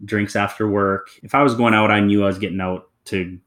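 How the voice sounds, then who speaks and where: A man's voice: on the low side, steady tone, a little fast, fairly bright tone. A man in his thirties, an interview guest telling his personal story in a candid, reflective, loose conversational way.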